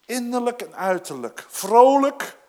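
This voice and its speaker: A preacher delivering a sermon and explaining a scripture passage, moving between loud, emphatic passages and hushed, almost whispered asides. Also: medium pitch, sing-song, a little slow. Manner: explains a scripture text to a congregation.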